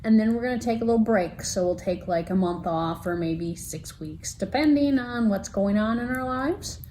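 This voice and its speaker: A woman co-hosting a podcast, chatting in an animated, teasing way and laughing often. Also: medium pitch, moderate pace, a little hiss or hum. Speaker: podcast co-host. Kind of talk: casual chat.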